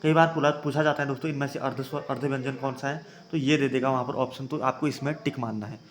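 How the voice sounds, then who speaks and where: Young guy doing an exam prep grammar lesson, normal pitch, keeps going "try saying it". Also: steady tone, quick pace. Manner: addresses viewers as friends, repeats points; has viewers try sounds aloud. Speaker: teacher.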